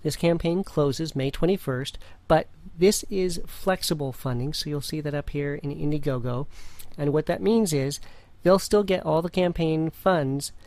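A man hosts a podcast in an easygoing, casual way. His voice has a gravelly, fry-touched edge. He pauses often with small fillers as he talks. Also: fairly high pitch, no echo. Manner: relaxed, with frequent fillers. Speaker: podcast host. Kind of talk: casual show narration.

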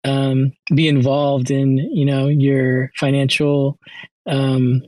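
A man's voice: medium pitch, level tone, slow pace, a little mellow, no room sound. A man hosting a casual interview chat, talking in a hesitant way as he searches for his words. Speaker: host.

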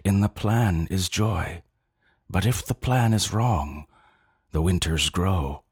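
A man's voice: low-pitched, slow, darkish tone, husky, dry recording, studio quality. A man narrating a story in an intense, tender and brooding manner. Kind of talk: dramatic story reading.

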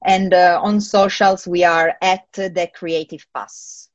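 A woman's voice: on the low side, steady tone, slow pace, dry recording, highs cut off. A woman with an Italian accent, guest on an interview, talking in a friendly way and laughing easily. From Italy. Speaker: guest, company CEO. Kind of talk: remote interview chat. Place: home bedroom.

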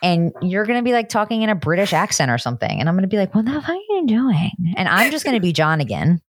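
A woman's voice: fairly low pitch, very animated, rapid-fire, no room sound. A woman co-hosting a podcast, making dry joking asides in casual chat. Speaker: podcast co-host.

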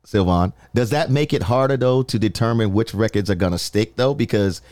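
A man hosting a casual podcast chat, asking questions in an animated way with frequent restarts. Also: fairly low pitch, fairly quick, dry recording, clean studio sound. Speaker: podcast host.

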